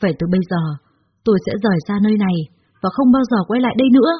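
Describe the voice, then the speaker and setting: A woman's voice: medium pitch, a little fast, slightly rough, lo-fi sound, close to an everyday voice. A woman doing a firm earnest young man. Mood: cold. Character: young man, earnest, then cold and resolute.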